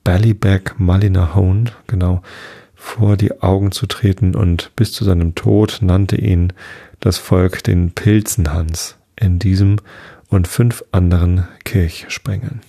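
A man hosting a podcast, reading a fairy tale in a calm, unhurried way. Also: sits low, gravelly, no echo, clean studio sound. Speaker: podcast host and storyteller.

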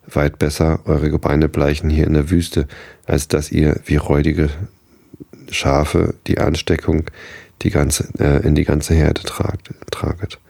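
A man's voice: very deep voice, completely flat delivery, measured pace, creaky, mellow, no echo, full character voice. A man voicing a grave male caravan leader of about thirty in a bedtime story reading, solemn and commanding.

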